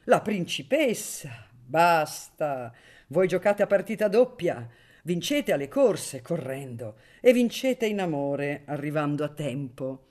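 A woman's voice: sits low, very animated, slow pace, a little mellow, full character voice. A woman voicing an affable, plump middle-aged male judge who chats in a bantering, confiding way, in a radio reading of a novel. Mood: jovial.

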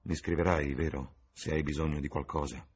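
A man voicing a restless, haunted young gentleman who speaks curtly and irritably. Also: a bass voice, steady tone, normal speed, breathy edge. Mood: pleading.

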